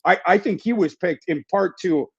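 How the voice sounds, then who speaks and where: A man giving fantasy football analysis in a casual podcast chat, talking quickly and restarting his sentences. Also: high-pitched, creaky, breathy edge, muffled recording. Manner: fast, repeats words and restarts often.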